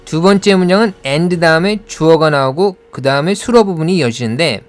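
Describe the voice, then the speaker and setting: A man's voice: on the high side, brisk. A man teaching English pronunciation in Korean with a Korean accent, explaining patiently and modeling words.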